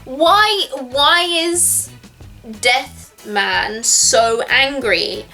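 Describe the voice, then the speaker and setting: Bright-voiced woman in loose casual chat. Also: sits high, drawn-out words, creaky, faint music behind. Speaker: co-host.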